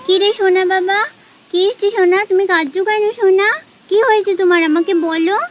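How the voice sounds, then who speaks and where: A woman voicing a bustling village mother doll who scolds and dotes on her children, talking fast and nagging. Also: very high voice, steady tone. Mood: fussing. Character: fussy village mother, scolding yet doting. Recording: dull lo-fi sound.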